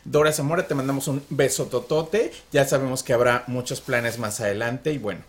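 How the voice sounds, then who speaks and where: A man's voice: mid-range voice, fairly even intonation, fairly quick. Chatty Mexican radio host man. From Mexico City. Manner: upbeat, chatty, affectionate. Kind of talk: casual chat.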